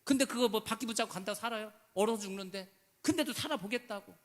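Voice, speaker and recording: A man's voice: high-pitched, fast. A man preaching a sermon as pastor, emphatic and full of rhetorical questions, slipping into casual speech. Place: church sanctuary. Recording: church hall reverb.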